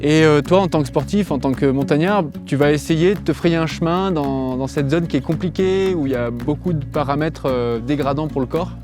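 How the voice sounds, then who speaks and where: A young man reflects on his climbing in a documentary interview. His voice sits a little high, and he talks in a thoughtful, measured way with frequent pauses. Clear music plays behind him. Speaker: mountaineer.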